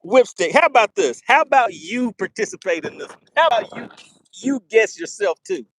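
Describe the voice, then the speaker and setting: A man commentating a live fishing stream to his chat from a boat on a lake, excitable and teasing, laughing often. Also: sits high, moderate pace, slight background noise.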